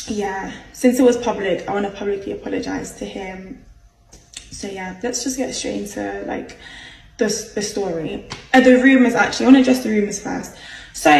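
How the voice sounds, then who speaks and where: Chatty young woman with a gravelly edge. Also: mid-range voice. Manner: chatty, exasperated, many "like" fillers. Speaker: vlogger. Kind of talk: casual story time to camera. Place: bright room indoors. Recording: echoey room, slightly distant, faint hiss.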